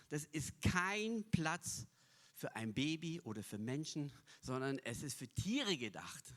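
Male preacher with a high, unhurried voice who tells the sermon like a homely story. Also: sharp tone. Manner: folksy storytelling with asides. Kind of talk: Christmas sermon.

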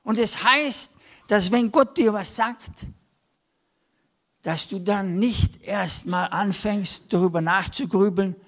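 A man with a high voice delivers a sermon at a church service. He talks plainly and conversationally and weaves in anecdotes. When he quotes people, he briefly acts out their voices. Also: takes it slowly, a bit bright. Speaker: preacher.

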